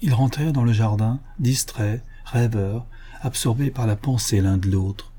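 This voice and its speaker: A man narrating a classic novel in a measured, expressive first-person reading. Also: mid-range voice, husky. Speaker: audiobook narrator. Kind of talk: literary audiobook narration.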